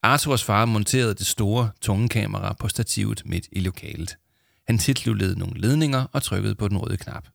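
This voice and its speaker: A man's voice: lowish voice, gravelly, dry recording, studio quality. A man reading a children's story aloud for his podcast, casual and self-deprecating between chapters. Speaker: podcast host and reader.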